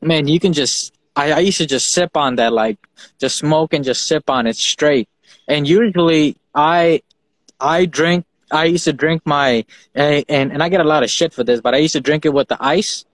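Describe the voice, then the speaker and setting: A man's voice: a little high, normal speed, dry recording, poor audio. A man from Fiji hosting a casual chat, rambling and repeating words as he talks, swearing now and then. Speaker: host.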